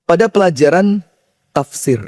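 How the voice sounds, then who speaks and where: A man preaching a sermon, telling stories with lively rhetorical questions to his audience and chanting verses slowly. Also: fairly high pitch. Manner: slow chanted Quran recitation. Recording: long hall reverb.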